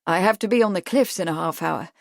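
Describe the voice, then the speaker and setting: A woman narrator voicing a grim, steady Victorian gentleman who speaks calmly and gravely. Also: lowish voice, fast talker, no room sound, clean studio sound. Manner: calm, grave.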